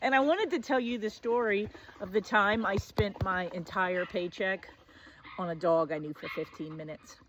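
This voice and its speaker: A woman in her forties, hosting her own show, telling a personal story in a casual, self-mocking way with excited high bursts and low asides. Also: moderate pace, noisy background.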